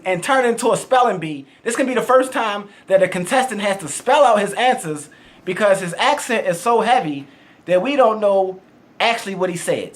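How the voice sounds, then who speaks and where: His voice is high-pitched and a little bright, with a heavy Baltimore, Maryland accent. At a relaxed casting interview in Las Vegas, this would-be game show contestant cracks jokes, brags, and laughs a lot.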